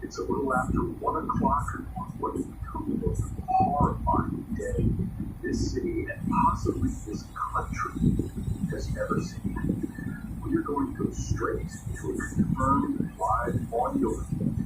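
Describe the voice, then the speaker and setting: A man's voice: very high-pitched, vocal fry, full character voice. Casting: male actor as grave, alarmed emergency radio host for a drama, urgent, echoey and far from the mic. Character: alarmed radio news host during apocalyptic outbreak. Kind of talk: radio drama news broadcast. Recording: very noisy, echoey, distant radio broadcast.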